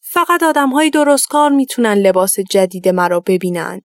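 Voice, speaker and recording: A woman's voice: medium pitch, expressive, dry recording, clean studio sound, close to an everyday voice. A woman voicing a vain, easily fooled king who talks pompously, in a children's storybook reading.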